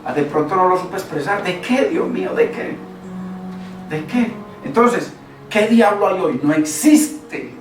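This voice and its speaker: A man's voice: sits high, expressive, unhurried, music in the background. A man preaching a sermon in a conversational way, repeating words and putting rhetorical questions to the listeners. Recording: echoey room, voice from far off, faint noise.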